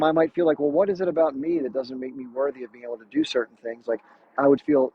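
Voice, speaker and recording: A man's voice: medium pitch, highs cut off, a little hiss or hum. An American man hosting a live stream, asking rambling questions full of restarts. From United States. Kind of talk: casual live-stream conversation.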